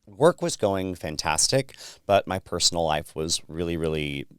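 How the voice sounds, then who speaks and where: A man's voice: low-pitched, lively intonation, normal speed, smooth, dry recording, clean studio sound. A man in his thirties from South Carolina, a podcast guest telling his story in an easygoing, candid way. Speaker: podcast guest, PR firm founder. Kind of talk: casual chat.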